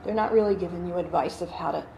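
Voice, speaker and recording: Gravelly yet warm, her fairly low voice moves at a quick pace as this woman in her forties explains her channeling to a small group in a living room. She's chatty and keeps restarting and using fillers. A phone camera across the room picks it up, roomy, with faint hum.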